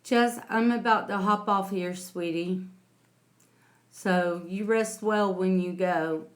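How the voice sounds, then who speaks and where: A woman talks slowly and warmly to her viewers on a livestream, reading their names out one by one. Her voice sits at an ordinary middle pitch, and she takes her time with every word. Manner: slow, homey, calls viewers sweetie and honey. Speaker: livestream host reading chat. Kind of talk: casual livestream chat.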